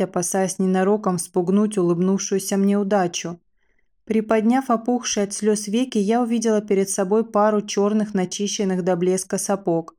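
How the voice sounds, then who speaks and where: A woman reading a first-person novel aloud as an audiobook narrator, dramatic and measured. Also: medium pitch, mellow.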